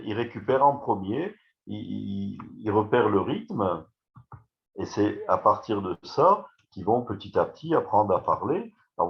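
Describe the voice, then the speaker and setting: A man's voice: fairly low pitch, muffled recording. A man, a neurologist, giving an informal webinar talk, chatty and full of restarts, speaking straight to his listeners. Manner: conversational, many fillers and restarts, addresses listeners directly. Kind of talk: informal lecture.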